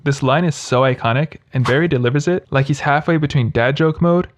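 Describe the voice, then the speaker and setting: A man's voice: a little high, fairly quick. A man narrating scripted humorous commentary as a video host, in a sarcastic, mocking manner.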